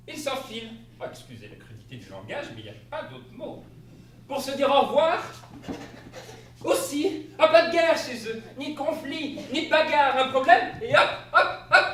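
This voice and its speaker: Heavily acted and very high-pitched, this male stage actor's voice swoops wildly, with a fairly bright tone, moderate pace and long pauses. He plays a flustered spouse in a comic monologue, exclaiming and laughing through an absurd tale, flustered and amused. A distant mic picks up stage echo and faint hiss.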